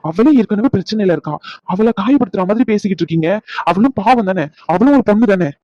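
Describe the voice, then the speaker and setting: A man plays an anxious younger brother in a cartoon drama, talking fast in a mellow voice as he defends himself. The recording is dull and lo-fi, and dry. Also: sits high, animated, no room sound. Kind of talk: animated drama dialogue.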